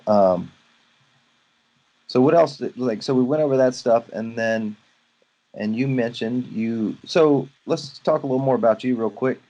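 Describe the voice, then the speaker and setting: A man's voice: mid-range voice, unhurried, dark tone. Rambling Southern man over a dull call. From Louisiana, USA. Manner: rambling, many fillers and restarts. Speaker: photography mentor. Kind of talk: casual video-call conversation. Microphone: video call.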